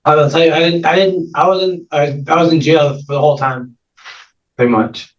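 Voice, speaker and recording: A man's voice: on the high side, steady tone, normal speed. A man, the defendant, answering in court in a hesitant, stammering and defensive way, heard muffled from far off. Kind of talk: courtroom exchange.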